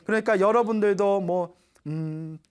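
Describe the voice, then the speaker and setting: A woman who is a Buddhist nun gives a dharma talk to a studio audience, telling stories in an animated way and putting questions to her listeners. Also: medium pitch, unhurried, smooth.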